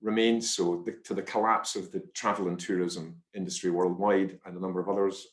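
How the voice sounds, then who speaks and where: Presenting a webinar to investors over a video call, a fund manager with a congested, stuffy nose speaks in a chatty, self-deprecating way, full of ums and restarts. His voice is deep and level, fairly quick, and the sound is roomy.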